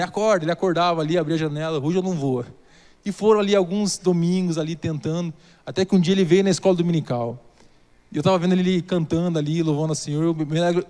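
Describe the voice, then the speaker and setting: A man's voice: fairly high pitch, darkish tone, in a large hall. A man preaching a sermon, telling a personal story and then building into fervent exhortation. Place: church hall.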